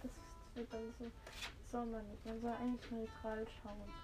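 A woman's voice: on the high side, little pitch movement, moderate pace, over music. A young woman in casual chat, bossy and teasing, matter-of-fact.

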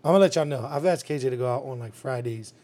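A man's voice: medium pitch, very fast, dark tone. A young man co-hosting a casual podcast, teasing his friend in a rambling, joking way. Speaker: podcast co-host.

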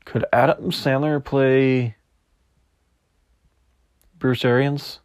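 Young male podcast host, chatty and rambling, mid-pitched, dry close-mic read. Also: level tone, very slow, darkish tone, clear, resonant tone, no echo. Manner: rambling, self-correcting, chatty. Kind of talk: solo podcast sports chat, reading news aloud.

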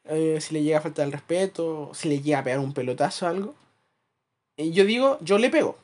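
A man with a Chilean accent chatting casually as a podcast co-host, acting out his anecdotes with lively asides. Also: fairly high pitch, fairly quick. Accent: Chilean Spanish. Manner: animated storyteller, acts out anecdotes, laughs at his own jokes. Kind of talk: casual chat.

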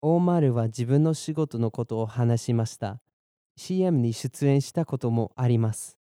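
A medium-pitched young man with a dark tone explains Japanese and English phrases for a podcast lesson, recorded dry at studio quality. Born in Germany and raised in Boston, he speaks in clear, measured terms and slows during repeat drills.

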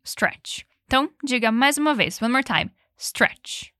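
A woman teaching English, explaining phrases and leading repetition drills, saying the English examples slowly and clearly. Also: high-pitched, animated, sharp tone, dry recording, studio quality. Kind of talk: language lesson with repetition drills.

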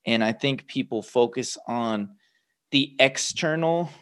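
A man's voice: mid-range voice, slow, a bit bright. A man hosting a casual podcast conversation, talking emphatically and swearing freely.

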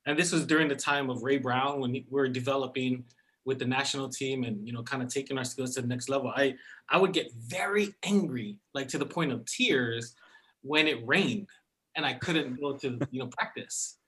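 A man's voice: mid-range voice, normal speed, a bit bright. A man, a former baseball player, answering in an interview in an earnest, casual way with a bit of slang.

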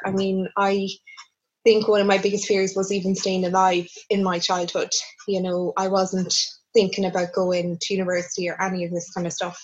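A woman's voice: medium pitch, lo-fi sound. A young Irish woman, a guest researcher in a casual interview, talking candidly and reflectively, her voice from a video call re-recorded through a speaker.

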